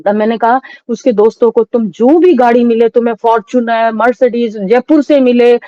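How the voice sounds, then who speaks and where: A middle-aged woman recounting a painful loss as an interview guest, in a halting, sorrowful way with many restarts. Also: on the high side, no room sound, highs cut off. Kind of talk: emotional personal testimony.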